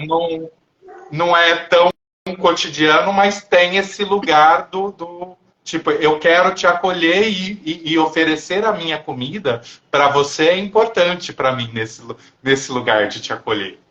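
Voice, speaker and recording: Halting man on dull lo-fi audio. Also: a little high, pushed and bright. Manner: reflective, halting, many fillers and restarts. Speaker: therapist and co-host. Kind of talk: casual live-stream chat.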